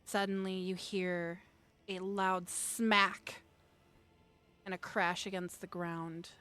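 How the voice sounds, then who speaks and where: A woman narrating as game master in a tabletop role-playing game, describing scenes in an unhurried, descriptive way. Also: on the low side, little pitch movement, bright, forceful tone, smooth.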